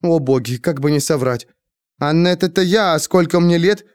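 A man's voice: on the high side, darkish tone, clear, resonant tone, dry recording, clean studio sound, voice pushed up, close to an everyday voice. A man voicing an anxious, rambling young woman in her twenties who frets and wails. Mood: flustered. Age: 20s. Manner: frantic, fast, wailing.

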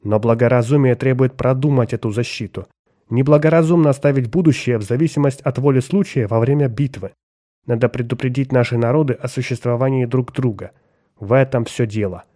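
Man voicing a loud commanding starship captain. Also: mid-range voice, fairly quick, dry recording, studio quality, natural voice. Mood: insistent. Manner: forceful, commanding. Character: stern, angry human starship captain.

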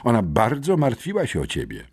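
Casting: a man voicing a cool, firm teen sleuth, low-key and steady. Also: a little fast, husky, heavily acted. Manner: calm, firm. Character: calm, probing teenage boy detective.

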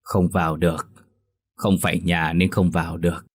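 Man voicing a hushed eerie ghostly stranger. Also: low-pitched, flat delivery, husky, no room sound, clean studio sound. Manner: slow, soft, hushed.

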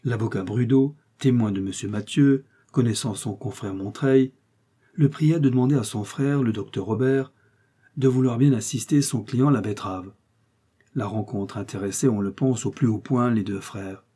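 Mellow, husky male audiobook narrator. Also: medium pitch, moderate pace. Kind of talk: scripted narration of a novel.

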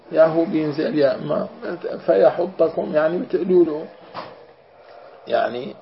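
A Levantine-accented sheikh teaching an informal lesson, his voice deeply gravelly. He drifts into chatty anecdotes between points. The recording is dull and lo-fi, with a faint hiss underneath. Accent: Levantine Arabic. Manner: chatty, digressive, everyday anecdotes. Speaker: sheikh teaching Quran commentary.

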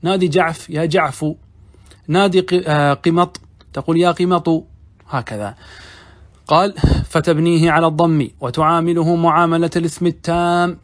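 A man with a fairly high voice gives a classroom grammar lesson. He keeps asking his listeners questions and answers them himself. When he reads passages from the text, he slows down to a careful, deliberate pace. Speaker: sheikh teaching Arabic grammar.

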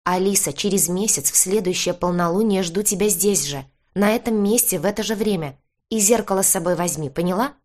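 A woman voicing a gruff, impatient young man from another world, who scolds and curses under his breath. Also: on the low side, expressive, normal speed. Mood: angry.

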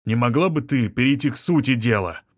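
A man's voice: medium pitch, expressive, brisk, dry recording, clean studio sound, lightly acted. A man narrating an audiobook, playing an irritable, portly middle-aged mayor who snaps impatiently. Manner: snappish, impatient.

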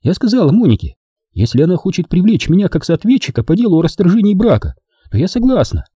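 A man voicing a playful, chatty young woman who teases her lover, raising his pitch high. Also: big pitch swings, fast, warm tone, husky, no room sound, clean studio sound, heavily acted. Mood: teasing. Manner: chatty, teasing.

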